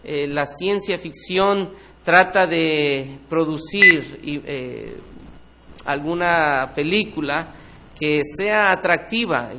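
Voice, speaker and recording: A man's voice: a little high, pushed and bright. A man preaching a Sunday morning sermon in a church, earnest and asking his congregation searching questions. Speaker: pastor.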